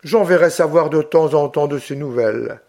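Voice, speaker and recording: A man's voice: on the high side, moderate pace, vocal fry, a little mellow. A man voicing a proud young Corsican woman who speaks with icy composure. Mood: cold.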